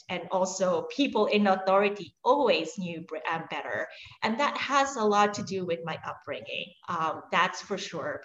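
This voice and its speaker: A woman's voice: medium pitch, a bit bright. Swiss woman coach chatting in an interview, lots of ums and you-knows, roomy muffled sound. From Switzerland. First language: Swiss German. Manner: open and reflective, laughs often, many fillers. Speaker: guest, high-performance coach. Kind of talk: conversational interview.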